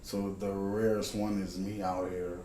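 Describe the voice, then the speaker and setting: A man from the Caribbean telling his story in an oral history interview, lively and often leaping up in pitch. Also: measured pace, slight background noise. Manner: animated, jumps high in pitch when telling stories. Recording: roomy with faint ambience.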